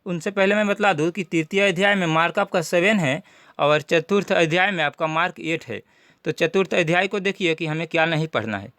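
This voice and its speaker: High-voiced man going over a syllabus. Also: fairly bright tone, dry recording, studio quality. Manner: methodical, repeats points for students. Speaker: teacher. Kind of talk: syllabus walkthrough lesson.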